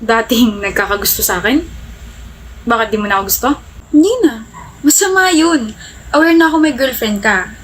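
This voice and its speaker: A woman acting out a persistent, lovesick college girl with a Filipino accent. She chatters on and slips English into her Tagalog. Her voice sits a touch high, with faint noise in the background. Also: lively intonation, moderate pace, pauses often, fairly bright tone, rough recording. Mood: hurt. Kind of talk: short skit acting.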